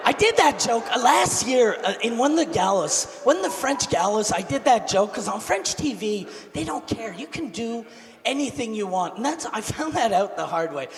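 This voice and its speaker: A man performing a crude stand-up comedy set on a large theater stage, talking loudly into a handheld mic, shifting between shouting and low muttered asides. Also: very animated, normal speed. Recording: live hall with reverb, audience noise.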